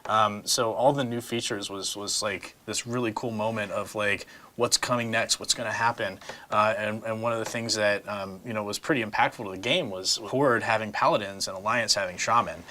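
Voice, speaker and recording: Middle-aged guy on a panel, bright voice, laughs a lot, lots of ums, faint hiss behind. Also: on the low side, fairly even intonation, normal speed. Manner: laughs often, many fillers and restarts. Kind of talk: casual panel chat.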